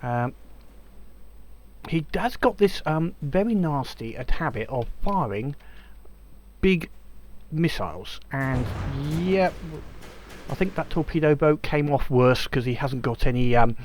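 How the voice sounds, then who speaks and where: A man's voice: a little high, lively intonation, measured pace, a little mellow, a little hiss or hum. Chatty man narrating gameplay. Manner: chatty, hesitant with many ums and restarts. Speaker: gameplay commentator. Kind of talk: casual let's-play commentary.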